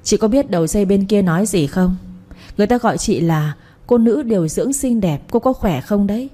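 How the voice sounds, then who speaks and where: A woman voicing a sharp-tongued older mother-in-law who scolds and nags in a raised voice. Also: animated, brisk, natural voice. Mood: scornful. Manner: shrill, scornful, nagging.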